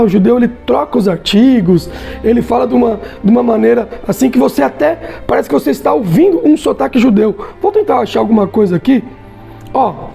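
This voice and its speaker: A Brazilian man with a very high, creaky, warm voice and a Brazilian Portuguese accent reviews a comic book casually. He's chatty, tagging his sentences with little check-ins.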